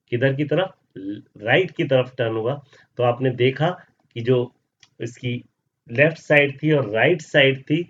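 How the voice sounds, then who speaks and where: A male science teacher explaining a lesson, often asking questions and answering them himself and calling students "beta". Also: mid-range voice. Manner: mixes Hindi with English terms. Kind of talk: classroom lesson explaining over slides. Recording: slightly dull audio.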